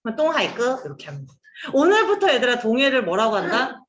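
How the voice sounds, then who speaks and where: Lively high-voiced woman teaching Chinese. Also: fast talker, roomy sound, highs cut off. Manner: chatty, coaxing, drills pronunciation aloud. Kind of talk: casual classroom lesson.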